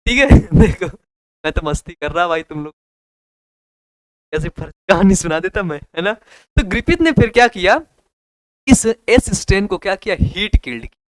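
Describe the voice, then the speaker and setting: A young man teaching biology with a Hindi accent, his voice high and smooth. He lectures casually, throwing questions at students and joking between points. The sound is dry and close. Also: expressive, normal speed, pauses often, dry recording. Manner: chatty, repeats questions to students, jokes.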